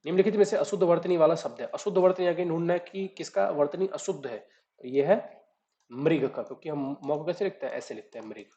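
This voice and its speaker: A man's voice: a little high, fast, mellow. A man tutoring, reading out each exam question and then explaining the answer step by step. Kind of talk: exam solution walkthrough. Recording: dull lo-fi recording.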